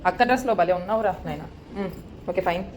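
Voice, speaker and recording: A woman's voice: lowish voice, fast talker, a little hiss or hum. A young woman at home, scolding and coaxing her toddler in a casual family vlog, exasperated. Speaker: vlogger mother. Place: home, indoors.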